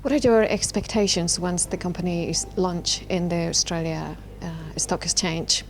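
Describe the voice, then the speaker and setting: A woman reporter asking interview questions, halting and using fillers. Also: fairly low pitch, a little hiss or hum.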